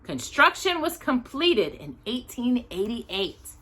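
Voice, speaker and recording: Reading a nonfiction kids' book at storytime, this American woman from Texas speaks slowly in a high, husky, somewhat bright voice that is very animated. She drops chatty, informal asides and trips over longer words.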